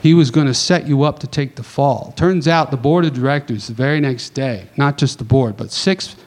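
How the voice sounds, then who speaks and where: A man on a conference panel telling a long anecdote in a casual, animated way, acting out the dialogue and tossing in quick asides. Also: mid-range voice. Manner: animated, acts out dialogue, chatty asides with "right?".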